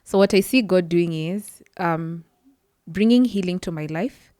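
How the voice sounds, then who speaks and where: A low-voiced woman speaks earnestly at a measured pace, her tone warm, in a studio-quality recording without room sound. She's a psychology worker giving personal testimony in a podcast interview. She searches for words and restarts often.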